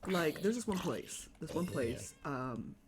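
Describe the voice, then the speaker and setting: This Chicago-accented streamer from the United States keeps up casual, rambling chat during a game at home, live. A medium-pitched voice with big pitch swings moves a little slowly, with slight background noise.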